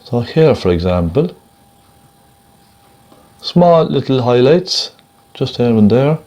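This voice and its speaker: A man's medium-pitched voice has a sing-song lilt as he casually shows how to paint, step by step. He is kind and encouraging, unhurriedly voicing his thoughts as he works.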